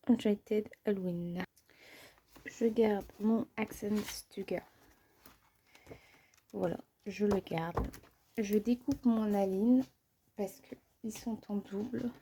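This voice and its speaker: Slow, mellow-voiced woman vlogging. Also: a little high, a little hiss or hum. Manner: hesitant, with many pauses and fillers. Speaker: vlogger showing her book collection. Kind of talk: casual vlog talk.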